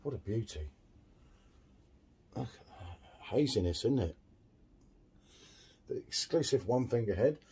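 A middle-aged man chatting excitedly while reviewing a beer at a home bar, full of tag questions. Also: mid-range voice, measured pace, pauses often, breathy edge. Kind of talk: casual beer tasting chat.

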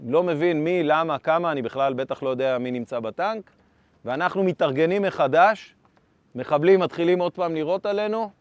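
A man in his fifties, a former tank brigade commander, giving an urgent first-person account of combat and re-enacting the shouted orders. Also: on the high side, no room sound.

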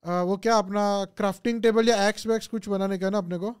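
A man's voice: high voice, fairly even intonation, brisk, smooth. A young man, streaming a game in a casual way, thinking aloud and answering viewers' comments with English phrases mixed in. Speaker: gaming streamer. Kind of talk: casual live gameplay chat.

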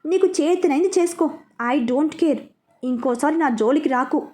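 A man's voice: extremely high pitch, measured pace, dark tone. A woman voicing a blunt, dismissive young male student who wants nothing to do with love, speaking curtly and with threats. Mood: angry.

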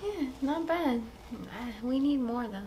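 A woman's voice: high voice, expressive, a little slow, warm tone, a little hiss or hum. A woman co-hosting a casual music video reaction, laid-back, trading short remarks.

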